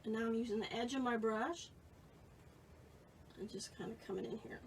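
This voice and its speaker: A woman's voice: a little high, moderate pace, recorded from a distance, slight background noise, rough recording. A woman in her late fifties giving a casual, chatty painting lesson and reading viewer comments as she works. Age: 50s. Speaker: painting instructor. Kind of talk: live painting tutorial.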